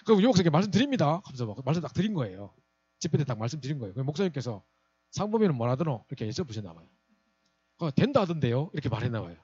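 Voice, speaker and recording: A man's voice: mid-range voice, sing-song, racing, a little mellow, husky, dry recording, dull audio. A man in his forties, a pastor giving an evangelism lecture and telling a personal story, acting out the people he quotes. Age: 40s.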